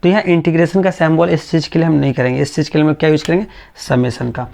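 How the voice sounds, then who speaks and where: Gravelly-voiced male physics teacher. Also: on the high side, fairly even intonation, darkish tone. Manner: patient, repetitive, checks understanding often; speaks slowly on purpose. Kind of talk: classroom lecture.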